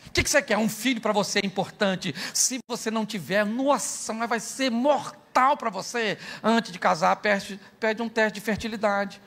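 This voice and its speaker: A middle-aged Brazilian pastor, his voice high and gravelly with a bright, sharp tone, delivers a funny sermon at normal speed in Brazilian Portuguese. He tells stories and performs every character's voice, joking throughout. He repeatedly checks in with the crowd by asking yes-or-no questions like "sim ou não?".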